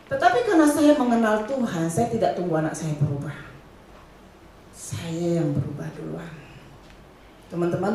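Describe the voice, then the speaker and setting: A middle-aged woman preaching a youth sermon, lively, firing questions at the crowd and playing a nagging mother. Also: mid-range voice, recorded from a distance, a little hiss or hum. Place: church hall. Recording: echoey hall, heard from afar.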